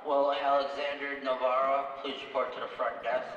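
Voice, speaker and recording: A man making a calm paging announcement over a loudspeaker, like a public address call at a sports hall. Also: mid-range voice, moderate pace, dull audio. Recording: distant echoey loudspeaker in a hall with crowd. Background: crowd noise.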